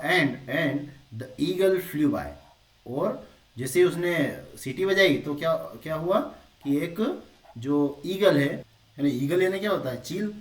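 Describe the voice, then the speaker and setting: A man, teaching English grammar at a patient pace, who keeps asking his listeners rhetorical questions and repeating key words. His voice sits a little high for a man. The recording is roomy and echoey, as if he stands some way from the mic. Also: recorded from a distance. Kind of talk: classroom-style grammar lesson.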